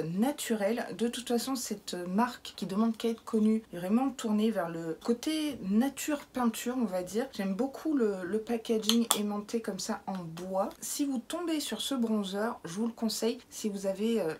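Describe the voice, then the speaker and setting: A woman's voice: a little high, darkish tone, breathy edge. A woman with a French accent chatting casually and playfully as a beauty vlogger, reviewing her makeup collection. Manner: chatty, playful, self-mocking with invented words.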